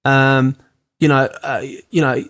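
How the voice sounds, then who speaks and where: A man, talking casually as an interview guest, animated and full of fillers. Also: medium pitch, slow, smooth. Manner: animated, many fillers, acts out quoted lines. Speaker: actor and producer guest.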